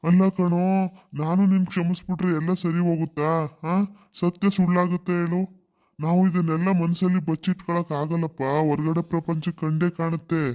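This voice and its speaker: A man plays a hard-of-hearing old grandfather in a cartoon, the family elder who scolds and lectures everyone. His voice sits a little high, and the recording sounds slightly muffled. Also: level tone, moderate pace, dark tone, lightly acted. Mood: scolding. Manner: scolding, preachy.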